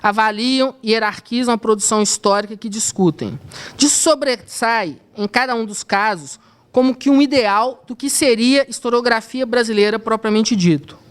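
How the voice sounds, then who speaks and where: A woman with a Brazilian Portuguese accent delivers an academic paper at a conference. Her voice sits fairly high and sounds smooth and clear. She reads in a measured way and breaks off now and then for hesitant asides. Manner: measured reading with hesitant asides to the slide operator. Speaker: university historian presenting a paper. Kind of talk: academic conference talk, reading a prepared paper.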